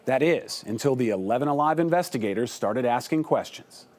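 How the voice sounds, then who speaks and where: A man's voice: medium pitch, animated, brisk. A man delivering an investigative television news report in a scripted broadcast style.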